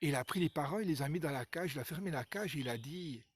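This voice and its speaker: Lively male folk storyteller. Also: on the high side, fast talker, slightly rough, no echo. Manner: lively, hesitant, with fillers and repetitions.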